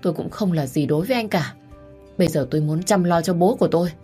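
A woman's voice: lowish voice, fast, dark tone, husky, soft background music. A woman voicing a grief-stricken young pregnant woman who pleads through tears, in a storybook reading. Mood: bitter, cold. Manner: sobbing, pleading.

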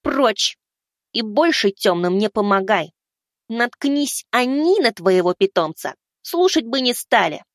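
A man voicing a small, childlike three-eyed spirit of darkness who speaks calmly and coldly. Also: high voice, measured pace, dry recording, clean studio sound, pitched above the performer's own voice, full character voice. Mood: cold mercy.

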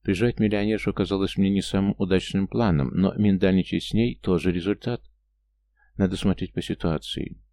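A man's voice: sits low, steady tone, a little fast, warm tone, no echo. A man narrating a first-person story in a dry, wry manner. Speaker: audiobook narrator.

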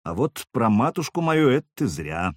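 A man voicing a cool-headed male knight who speaks quietly and with measured menace. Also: medium pitch, sing-song, no echo, studio quality.

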